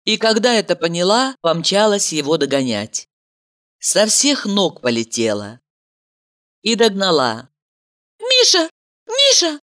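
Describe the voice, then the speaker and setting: A woman narrating a story in a lively, dramatic way. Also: fairly low pitch, unhurried. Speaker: audiobook narrator.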